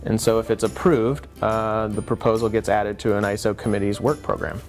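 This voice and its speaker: A man's voice: lowish voice, flat delivery, fairly quick, over loud music. A man presenting an explainer in a patient, conversational teaching manner. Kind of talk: semi-scripted explanatory dialogue.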